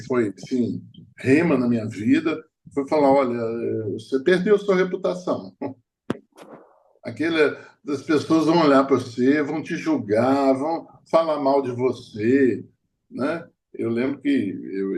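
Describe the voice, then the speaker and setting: Male preacher, middle-aged, storytelling sermon, halting restarts, mid pitch. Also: a little mellow. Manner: storytelling, hesitant restarts, laughing at own stories. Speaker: prophet preacher.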